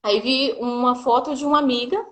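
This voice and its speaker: A woman's voice: high voice, brisk. A woman, a doula, telling a personal story as an interview guest and acting out the dialogue she quotes. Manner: lively narration that often acts out quoted dialogue, frequent "né".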